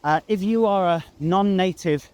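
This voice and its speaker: A man with a Received Pronunciation accent, rambling in a relaxed way while walking his dog outdoors. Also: high voice, a little slow, clean tone. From England. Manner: chatty, relaxed, with frequent ums and uhs. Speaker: vlogger. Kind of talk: casual explanatory ramble.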